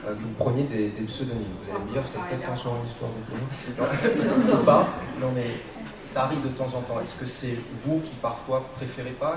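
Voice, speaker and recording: A man hosts a convention panel and puts questions to the singers, often restarting his sentences. His voice is captured from afar in a very echoey hall, with clear noise in the background. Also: medium pitch. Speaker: panel host, interviewer. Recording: echoey hall, distant mic.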